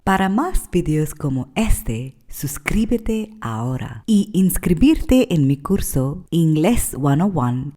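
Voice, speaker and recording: A woman's voice: deep voice, warm tone. A woman who is a native English speaker, teaching an English lesson in Spanish and patiently repeating words for learners to echo. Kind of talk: slow, deliberate language lesson.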